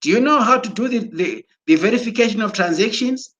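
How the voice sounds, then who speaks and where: Excited high-voiced man urging listeners on. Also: a little fast, lo-fi sound. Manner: excited, exhorting, repeats and restarts words. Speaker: broadcaster. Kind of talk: promotional motivational talk.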